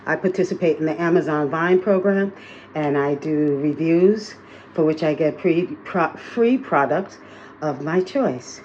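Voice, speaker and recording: Low voiced lady rambling thru her day vlog, phone audio a bit muffled. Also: darkish tone, a little hiss or hum. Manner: chatty, filler-heavy, talking straight to viewers. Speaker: vlogger. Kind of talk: casual day-in-the-life vlog. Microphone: phone held in hand.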